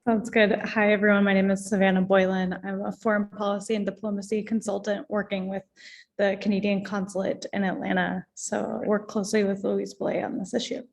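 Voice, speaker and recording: Woman consultant, flat delivery, gravelly edge, brief video-call intro. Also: medium pitch, brisk. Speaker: policy consultant. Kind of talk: webinar self-introduction.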